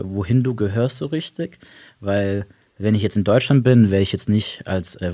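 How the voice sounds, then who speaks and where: A young man who grew up in Germany and Italy, talking about his life in a reflective, halting way with many restarts. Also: lowish voice, a little mellow. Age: young adult. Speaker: interview guest. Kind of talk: casual personal talk.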